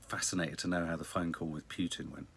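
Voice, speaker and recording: A British man hosts an online live stream, casually discussing the news with viewers, rambling and wry with dramatic emphasis. His low, creaky voice is steady in tone, brisk, and fairly bright, with slight background noise.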